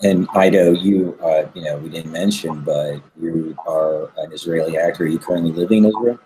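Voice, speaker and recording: A man hosting an interview, asking measured questions and summarizing his guest's points. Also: low-pitched, fairly even intonation, warm tone, a little hiss or hum, rough recording. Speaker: interview host.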